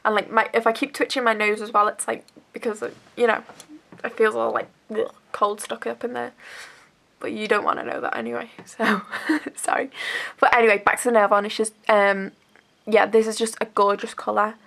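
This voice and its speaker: A woman's voice: on the high side, level tone, a little fast, vocal fry, fairly bright tone. A young woman chatting through a beauty haul, bunged up with a cold and rambling with lots of fillers. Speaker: beauty vlogger. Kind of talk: casual haul chat.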